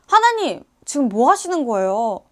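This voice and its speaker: A woman's voice: high-pitched, quick pace, voice pushed up, close to an everyday voice. A woman voicing a grumbling adult male prophet who complains in whiny pleas. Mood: whining.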